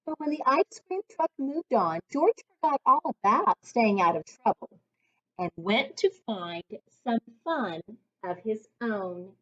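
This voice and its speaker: A woman whose voice leans high reads a children's book aloud, deliberate and expressive in the manner of a reading coach for young children. The recording comes across muffled.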